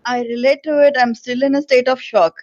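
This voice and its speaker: A woman's voice: high-pitched, fairly even intonation, fairly quick, dry recording, dull audio. A woman hosting an interview, reacting often with small affirmations. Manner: warmly reactive, frequent small affirmations and laughs. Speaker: host.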